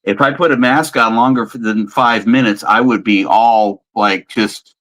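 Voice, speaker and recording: A middle-aged man from California, a guest on a casual live chat show, talking haltingly with many restarts. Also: medium pitch, a bit bright, poor audio.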